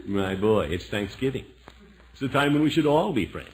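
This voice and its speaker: An actor playing a blustery, fond middle-aged uncle in an old radio sitcom, with theatrical exclamations. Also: male voice, fairly low pitch, animated, moderate pace, close to an everyday voice, rough recording. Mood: genial, fond. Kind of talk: 1940s-50s radio sitcom acting. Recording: old-time radio recording, faint noise.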